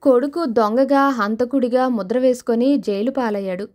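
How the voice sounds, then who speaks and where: A woman narrating a suspense audio novel in a steady, measured storytelling manner. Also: a little high.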